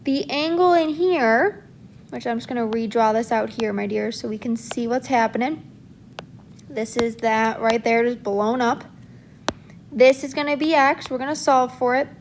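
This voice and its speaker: High-voiced woman teaching math step by step. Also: normal speed, slight background noise. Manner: steady, step-by-step explaining while writing. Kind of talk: recorded math lesson walkthrough.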